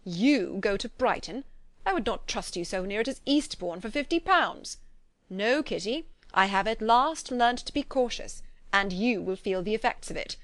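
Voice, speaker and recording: A slow, mock-stern older gentleman who teases his daughters with dry wit, voiced by a woman reading an audiobook. The pitch sits at an ordinary middle. The sound is close and dry, with no room around it. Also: animated, no room sound, lightly acted.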